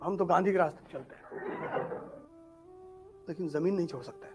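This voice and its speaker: A man giving a humorous motivational talk, telling stories with animated swings between loud and hushed delivery. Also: fairly high pitch, a little fast, over music. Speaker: motivational speaker.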